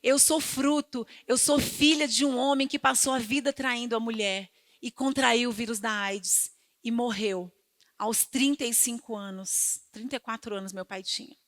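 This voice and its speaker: A middle-aged Brazilian woman pastor giving an animated sermon, swinging between loud emphasis and hushed asides. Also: fairly high pitch. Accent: Brazilian Portuguese. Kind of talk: lively sermon with storytelling.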